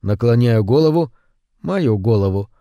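A man reading a short story aloud, slow and brooding, raising his voice for the quoted lines. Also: mid-range voice, animated, dry recording, muffled recording. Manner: slow, hushed and brooding, with louder acted quotes. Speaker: audiobook narrator. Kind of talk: scripted narration of a short story.

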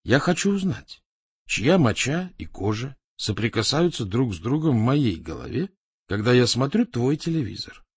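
Man voicing a stubborn warlord, insistent and deliberate, husky. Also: medium pitch, sing-song, no room sound, voice pushed up, full character voice. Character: stubborn, brooding middle-aged warlord.

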